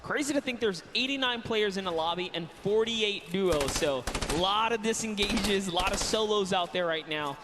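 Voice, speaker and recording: A man calling the action of an online game match live, with brisk, descriptive play-by-play. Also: sits high, animated, background noise. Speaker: esports caster.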